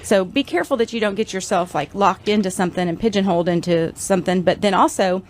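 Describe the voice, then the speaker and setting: A woman's voice: medium pitch, fast. A woman co-hosting a radio show, explaining things conversationally with frequent fillers. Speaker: radio show co-host, financial planner. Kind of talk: casual radio chat.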